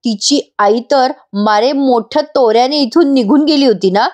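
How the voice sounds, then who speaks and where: A woman's voice: high-pitched, moderate pace, a little mellow, natural voice. A woman playing a haughty, scornful mistress of the house. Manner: scornful, commanding.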